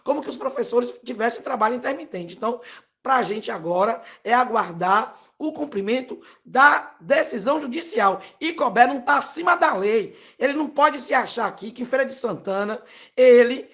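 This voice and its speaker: A woman's voice: on the high side, expressive, normal speed, fairly bright tone. A middle-aged woman with a Bahian Brazilian accent, a teachers' union director giving an emphatic, indignant statement to the press, repeating her key points. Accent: Bahian Brazilian Portuguese.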